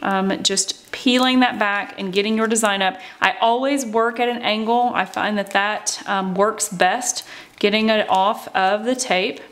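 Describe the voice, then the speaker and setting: A woman's voice: medium pitch, fairly even intonation, a little slow, a bit bright. A woman hosting a craft tutorial, talking casually and chattily as she walks through each step, with frequent ums and "okay, so". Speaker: craft channel host.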